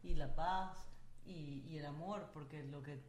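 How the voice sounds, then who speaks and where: A woman's voice: sits low, unhurried, a little mellow. A woman hosting a casual chat, effusive and full of salty slang. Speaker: host. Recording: echoey room with faint noise.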